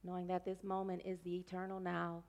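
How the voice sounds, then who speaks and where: Woman minister, low even voice, slow gentle meditation prayer, music under it. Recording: music playing behind the voice.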